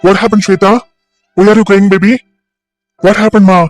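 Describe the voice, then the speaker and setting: A woman's voice: mid-range voice, flat delivery, drawn-out words, faint music behind, voice pushed down. A woman doing a doting, soothing cartoon dad. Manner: coaxing, reassuring, mixes English into Tamil. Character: gentle middle-aged father, doting and soothing. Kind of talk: cartoon story voice-over.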